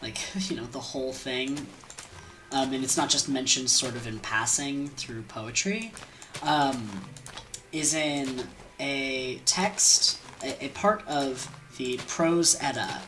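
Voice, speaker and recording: Slow, congested young streamer with a cold. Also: mid-range voice, bright, forceful tone, slight background noise, low-quality recording. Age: young adult. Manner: scatterbrained, self-deprecating, informal. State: sick with a sniffly cold. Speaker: video game streamer and storyteller. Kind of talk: casual rambling game stream.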